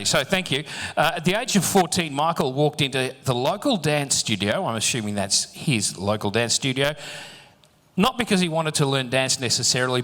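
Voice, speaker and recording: A man's voice: medium pitch, a bit bright. A man acting as MC at a live dance event, reading introductions with jokey asides to the audience. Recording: echoey hall sound.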